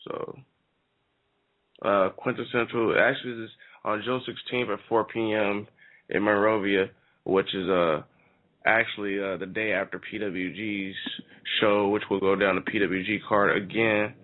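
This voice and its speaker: A man's voice: fairly low pitch, level tone, unhurried. Brash male wrestling radio co-host, teasing banter, tinny phone-like sound. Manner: brash, teasing, swears freely. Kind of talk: casual wrestling talk radio. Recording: phone-like lo-fi audio.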